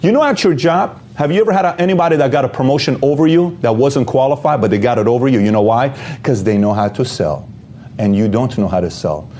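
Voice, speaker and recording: A man's voice: medium pitch, lively intonation, quick pace, warm tone. A man giving a motivational talk in a direct way, firing rhetorical questions at the listener. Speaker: motivational speaker.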